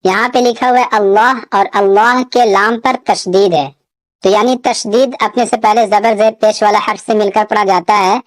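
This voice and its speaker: A woman teaching Quran reading, reciting words slowly and drawn out, with quick explanations between them. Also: medium pitch, steady tone, no room sound.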